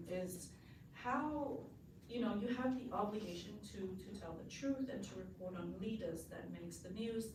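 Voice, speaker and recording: Samoan woman, audience question, measured delivery, echoey far-off hall with room noise. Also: mid-range voice. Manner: thoughtful, measured, many fillers. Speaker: audience member asking a question. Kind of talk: panel audience comment. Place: conference hall. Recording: roomy hall audio from afar, noisy.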